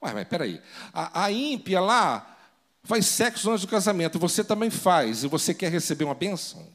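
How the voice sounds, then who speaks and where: A man delivers a sermon as pastor, firing off rhetorical questions at his listeners. His voice sits high for a man and leaps up and down as he dramatizes each point. The tone is theatrical and pressing. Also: big pitch swings, normal speed, a bit bright.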